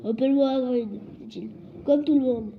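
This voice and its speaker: Hagrid, a woman doing a booming gruff giant. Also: moderate pace, slight background noise. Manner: loud, indignant, roaring. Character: huge gruff man, quick-tempered, booming. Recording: dull lo-fi recording.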